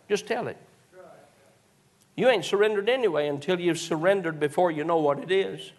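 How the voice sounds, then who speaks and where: A male preacher, telling folksy stories in a sermon and rising into shouted exhortations. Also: high-pitched, normal speed. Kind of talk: sermon with storytelling.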